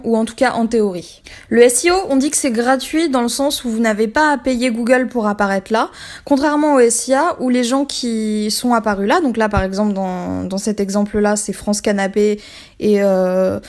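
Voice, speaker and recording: A young woman with a fairly high voice talks through a beginner lesson in a relaxed, chatty way. She fills her sentences with little spoken fillers as she explains things step by step like an online trainer. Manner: chatty, many fillers like "du coup" and "bah".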